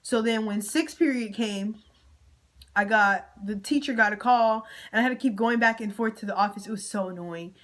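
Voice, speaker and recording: A woman's voice: a little high, normal speed, fairly bright tone. Emotional young woman telling a story. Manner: emotional, venting, talks straight to viewers with slang. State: near tears at times. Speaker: vlogger. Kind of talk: storytime vlog, emotional retelling.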